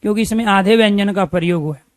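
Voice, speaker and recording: A man's voice: high-pitched, fast, no echo. A man teaching a grammar lesson, repeating key phrases and asking questions he then answers himself.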